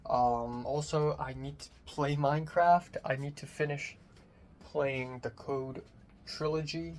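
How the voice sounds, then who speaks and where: A young man rambling through a casual personal vlog, swearing casually, his voice thin with no bass on a phone microphone. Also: steady tone, takes it slowly. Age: young adult. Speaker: vlogger. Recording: thin bassless phone mic, background noise.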